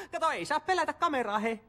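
An actor voicing a small, chatty and vain one-eyed male monster in an animated film dub. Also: extremely high pitch, heavily acted. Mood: boastful. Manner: fast, excitable, boastful chatter.

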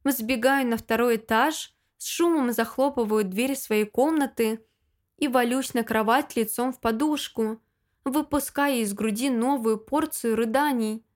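A woman's voice: on the high side, unhurried. A woman narrating a first-person audiobook in an emotional, dramatic reading.

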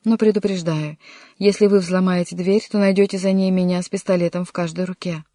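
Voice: mid-range voice, steady tone, fairly quick, dark tone, dry recording, studio quality, lightly acted. A reader voicing a stubborn, loyal male servant who answers in clipped, defiant lines in an audiobook. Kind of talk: audiobook character reading.

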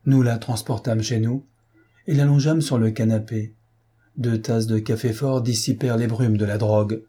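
A man narrating a story as an audiobook reader, with steady, measured storytelling. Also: mid-range voice, breathy edge. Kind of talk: scripted narration.

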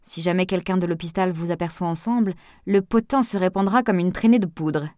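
A woman's voice: lowish voice, a little fast, mellow, no room sound, clean studio sound, lightly acted. A woman voicing a young woman doctor who answers briefly and politely.

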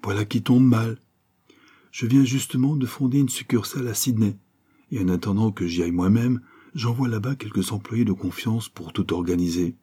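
A man voicing a stout, jovial businessman who talks in a hurried, apologetic way, with a low, husky voice. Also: dark tone. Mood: flustered.

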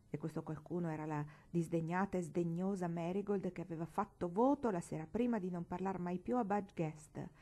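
A woman reading a classic novel aloud with expressive, emotive narration. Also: lowish voice. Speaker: audiobook reader.

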